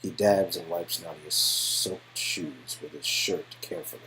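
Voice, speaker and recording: A low-pitched man narrates scripted story passages and reads game dialogue from an interactive game at a measured pace. Faint background noise sits under the recording.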